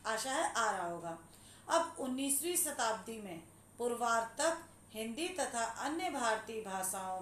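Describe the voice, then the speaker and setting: Patient woman teaching a grammar lesson. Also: fairly high pitch. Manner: patient, checks understanding with questions; reads examples aloud slowly, then explains. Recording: echoey room with faint hum.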